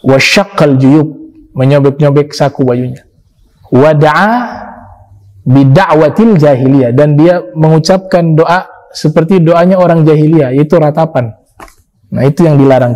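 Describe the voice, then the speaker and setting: A male preacher delivering a sermon in a patient, explanatory way, repeating his points and slowing down for Arabic quotations. His voice sits a little high yet sounds mellow and dark. It carries a long reverb, as if from a big hall.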